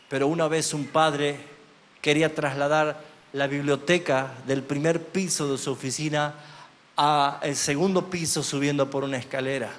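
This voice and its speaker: A man preaching a sermon as pastor, swinging between loud proclamation and hushed, drawn-out phrases. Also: mid-range voice, slight background noise. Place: church sanctuary. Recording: long church hall reverb.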